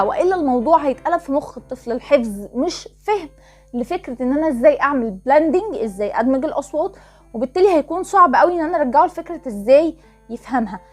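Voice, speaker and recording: An Egyptian woman with a high voice talks quickly as she teaches parents how children learn to read. She explains each step with care and drags out single letter sounds to show how they blend. Soft music plays behind her. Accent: Egyptian Arabic. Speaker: channel host teaching phonics to parents. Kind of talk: instructional talk to parents.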